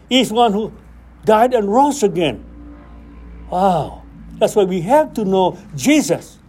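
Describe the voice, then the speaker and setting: A man's voice: high voice, mellow, husky. A man leading a Bible study, preaching and acting out scripture dialogue with rising questions.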